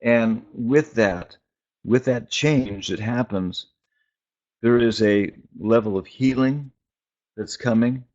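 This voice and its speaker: Over a phone conference call, a preacher and spiritual teacher delivers a loose, reflective prophetic sermon, speaking in brief, faltering phrases separated by long silences. His voice sits at medium pitch with a darkish tone, and the call audio sounds dull and band-limited.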